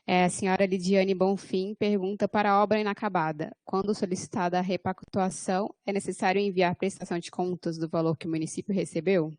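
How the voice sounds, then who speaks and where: Brazilian woman, mid pitch, courteous webinar moderator, dry close sound. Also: little pitch movement, brisk, few pauses, darkish tone, no echo. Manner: polite, formal, ends with "tá bem?". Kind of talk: reading out audience questions.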